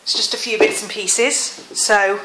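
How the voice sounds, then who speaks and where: A woman's voice: mid-range voice, fairly even intonation, unhurried, sharp tone. A British woman in her thirties chatting casually in a home vlog, slightly wheezy from a cold. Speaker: vlogger. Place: rooms at home, indoors. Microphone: handheld phone or camera. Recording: echoey room, some noise and clicks.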